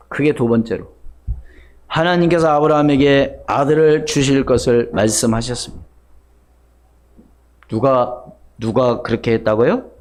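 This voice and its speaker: A man's voice: medium pitch, darkish tone. A man preaching a sermon as pastor, firing questions at the congregation and answering them himself with emphatic, rising repetition. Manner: call-and-response questioning, emphatic.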